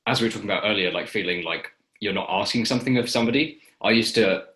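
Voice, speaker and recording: A man's voice: fairly low pitch, fast talker. A man hosting a podcast interview, listening attentively and then sharing his own thoughts. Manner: attentive listener, gives quiet backchannels. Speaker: podcast host. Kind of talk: conversational interview.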